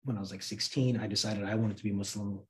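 With a fairly low pitch and a quick pace, this man, a film worker raised in Santa Cruz, California, tells an interviewer about his own experience. His informal, American-accented retelling includes lively acted-out quotes.

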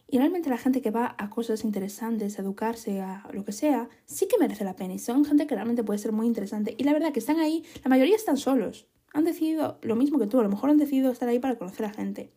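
A young woman, chatting casually and giving listeners advice on her podcast, expressive and laughing often. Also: fairly high pitch, slightly rough. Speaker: podcast host answering listener questions.

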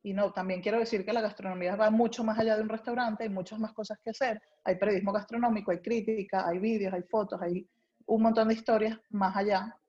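This young adult woman from Venezuela talks fast in a steady, dark, mid-range voice with a Venezuelan Spanish accent. A food writer, she chats about her life as a guest in a casual interview, and the audio is dull.

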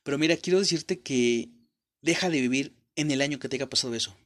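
A young Mexican podcast host with a Mexican accent speaks a little fast in a mid-range voice. His motivational monologue is blunt and profane, aimed straight at the listener.

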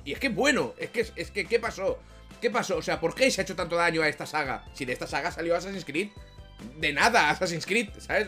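A man's voice: a little high, a bit bright. A man from chatting casually in a rambling, self-mocking way, swearing often as he wraps up a vlog. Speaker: YouTuber.

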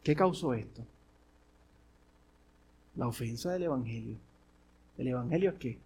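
A male pastor preaching a sermon, repeating rhetorical questions and swinging between forceful and hushed delivery. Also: medium pitch, lively intonation, measured pace, slight background noise.

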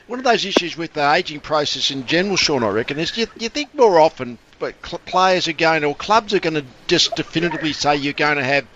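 A man's voice: on the high side, expressive, fast talker, hardly any pauses, noisy background. An Australian man on a sports radio panel, offering opinions and questions conversationally. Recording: muffled radio audio.

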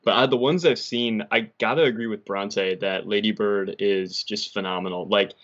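A young man chats as a podcast guest, relaxed and loose, with many fillers. His voice is somewhat low. The audio is muffled and lo-fi. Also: normal speed. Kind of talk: casual chat.

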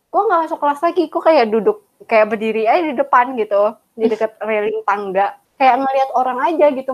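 Woman, young adult, podcast co-host, high voice, animated storytelling. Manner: animated retelling with acted-out quotes. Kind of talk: casual chat, storytelling.

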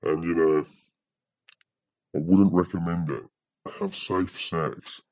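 A man's voice dropped by a pitch-shifting disguise, sitting extremely low. The tone is dark and mellow, and the sound is dry and close. He rambles hesitantly, filling gaps with casual asides. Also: fairly even intonation, slow, no room sound. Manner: hesitant, rambling, full of "you know". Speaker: anonymous podcast guest. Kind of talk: casual chat.

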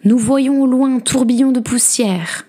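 A woman voicing young sisters on lookout who call out anxiously and then excitedly in a storybook reading. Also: high voice, unhurried, pitched above the performer's own voice. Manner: calling out excitedly. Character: anxious sisters keeping watch, young women.

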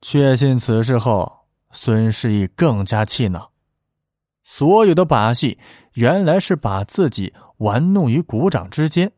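A man narrating a historical tale in traditional storytelling style, animated and dramatic. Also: mid-range voice, no room sound, clean studio sound.

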